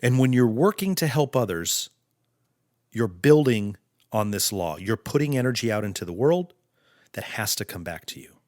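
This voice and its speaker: A male podcast host giving an earnest, preachy motivational monologue in slow, deliberate phrases. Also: on the low side, lively intonation, a little mellow, dry recording, studio quality.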